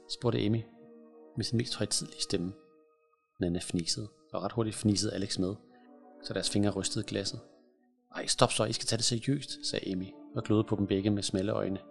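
A man reading a spooky children's story aloud at a live event in a large library hall, calm and measured. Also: lowish voice, creaky. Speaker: reader at a live book event.

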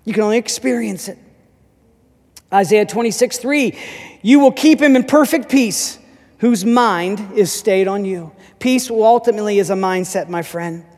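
A man pastor preaching an animated sermon, rising to shouts. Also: high-pitched, moderate pace. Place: church hall. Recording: reverberant church hall.

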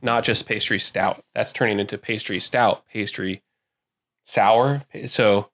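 Gravelly low-voiced brewer. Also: male voice, a little slow, fairly bright tone. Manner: laid-back, thinks aloud, rambling restarts. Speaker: brewer and podcast co-host. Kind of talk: casual podcast chat.

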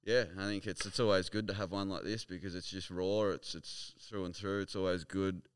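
A man's voice: sits low, fairly even intonation, a little fast, smooth. An Australian man co-hosting a casual podcast, chatting in a matey, slangy, sweary way. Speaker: podcast co-host. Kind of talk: casual live podcast chat.

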